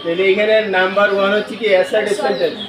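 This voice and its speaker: Over music, a high-voiced male teacher speaks very fast and in a steady tone as he conducts a call-and-response classroom lesson. He questions students and spells words letter by letter, recorded at a distance in an echoey room.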